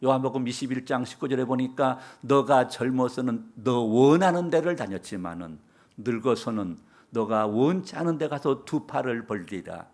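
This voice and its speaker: A man preaching a church sermon, telling a story with acted-out dialogue and rising to loud exhortation. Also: mid-range voice. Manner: dramatic storytelling, acting out quoted dialogue, building to loud exhortation. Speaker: pastor.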